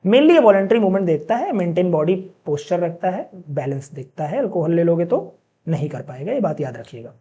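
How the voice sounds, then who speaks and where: A man teaching a class in a casual, chatty way, often asking the students questions and slowly reading out English lines. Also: sits high, big pitch swings, warm tone, dull audio. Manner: mixes in read-out English sentences, slowly. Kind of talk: classroom lecture.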